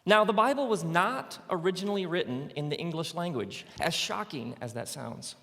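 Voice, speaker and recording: A man's voice: fairly high pitch, vocal fry, bright, forceful tone. Man speaking on stage in a reverberant hall. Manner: dramatic pauses, playful asides, audience call-and-response. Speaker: speaker teaching on the Bible. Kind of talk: live stage talk. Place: large auditorium with live audience. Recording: long hall reverb from a live venue.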